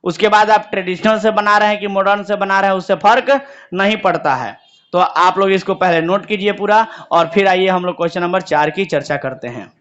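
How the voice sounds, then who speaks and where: A young man teaches a class, firing questions at his students and then answering them himself. His voice sits high for a man. The classroom recording sounds muffled and lo-fi. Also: brisk, a bit bright. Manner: quizzing students, call and response. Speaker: accountancy teacher. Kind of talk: classroom lecture.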